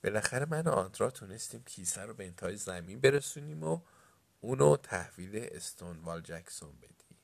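A man reading a children's story aloud in a lively way, raising his voice for the shouting in the story. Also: lowish voice, creaky. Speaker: audiobook narrator.

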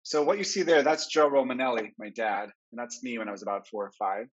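A man in his forties from Israel, a therapist giving a webinar talk, telling his own story in a candid, reflective way, heard through low quality webinar stream audio. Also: fast, breathy edge. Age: 40s. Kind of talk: personal storytelling lecture. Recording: dull lo-fi webinar recording.

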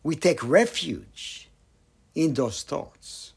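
Slow, husky-voiced man giving a dharma talk. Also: fairly high pitch, sing-song. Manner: slow, pausing, with soft near-whispered phrases. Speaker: meditation teacher.

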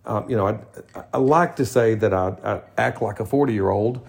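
A man's voice: fairly low pitch, brisk, vocal fry, a little mellow. A man, co-hosting a podcast in casual, rambling chat. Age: 50s. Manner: rambling, restarts sentences often. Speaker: podcast co-host.

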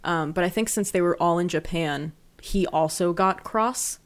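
A woman's voice: lowish voice, moderate pace. A woman co-hosting a podcast, chatting casually and giggling often. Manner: giggly, chatty, many fillers. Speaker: podcast co-host. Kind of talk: casual chat about an anime.

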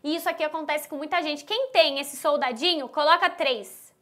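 A woman teaching an online relationship mini course, speaking straight to her audience in an animated way and acting out what people say. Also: high voice, moderate pace. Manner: animated, talks straight to the audience, acts out quoted voices. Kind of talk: lively live-class teaching.

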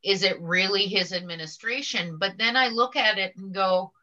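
Woman guest, bright-toned, emphatic, pointed questions, lo-fi remote line. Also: mid-range voice, moderate pace. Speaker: guest commentator. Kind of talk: casual political chat.

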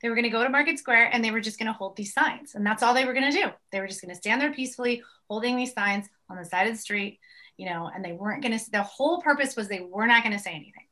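A woman's voice: fairly high pitch, fast talker, pushed and bright. A woman from New York City, a mother and activist, talking earnestly as a guest in a casual interview from her home, with many fillers.

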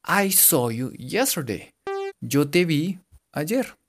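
A man giving a casual, joking English lesson and repeating English words slowly for his students. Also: on the high side, sing-song, faint music behind. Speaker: English teacher. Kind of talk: casual bilingual language lesson.

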